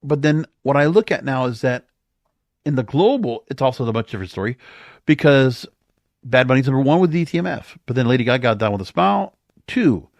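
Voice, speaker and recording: With vocal fry and a fairly quick, animated delivery, a medium-pitched podcast host talks through the music charts in a dry recording. He's off the cuff, thinking aloud as he reads the figures.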